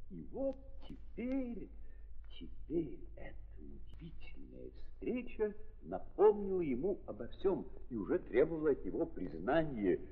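In a theatrical 1930s stage style, a man with a mid-range voice narrates as a grave, ironic storyteller, his tone accusing and punctuated by emphatic dramatic pauses. The recording is muffled, from the 1930s, with long reverb.

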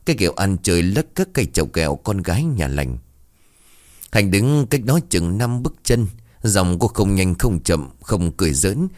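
A man reading a story aloud in an expressive, dramatic way. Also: low voice, no echo, clean studio sound. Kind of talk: scripted story narration.

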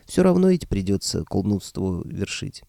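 A man's voice: low voice, big pitch swings, normal speed, vocal fry, warm tone, dry recording, exaggerated voice. A man voicing an old grandfather who scolds his grandson in folksy sayings in an audiobook. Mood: scolding. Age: older. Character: grumbling old village grandfather. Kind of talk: audiobook character voice.

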